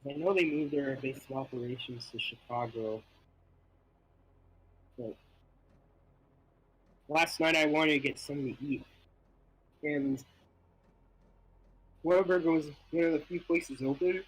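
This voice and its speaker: A man's voice: a little high, unhurried, pauses often, husky, low-quality recording. A young man with allergies chatting casually on a gaming stream, rambling and laughing often. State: stuffy from allergies. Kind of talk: casual chat while gaming.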